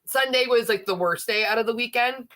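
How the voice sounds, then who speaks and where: A woman in her late thirties hosts a casual livestream chat, rambling chattily with lots of fillers. Stuffy and congested from a lingering illness, her voice sits on the high side, brisk, bright, and forceful.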